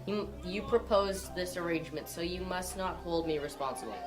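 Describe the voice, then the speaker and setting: A woman's voice: on the low side, normal speed, close to an everyday voice, low-quality recording. A woman playing a chatty, helpful young man who explains at length, in an amateur drama reading with music behind. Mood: eager. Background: background music.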